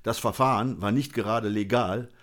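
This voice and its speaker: Male narrator for a gritty crime audiobook, lowish pitch, dry and wry. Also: steady tone, normal speed, a bit bright. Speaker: audiobook reader. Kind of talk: scripted narration of a crime novel.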